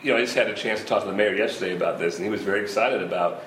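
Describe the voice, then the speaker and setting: A man's voice: on the low side, racing, a bit bright. Rambling, laughing man in his fifties. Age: 50s. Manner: rambling, laughs often, frequent restarts. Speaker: festival organizer. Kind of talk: casual interview chat. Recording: roomy echo with faint ambient noise.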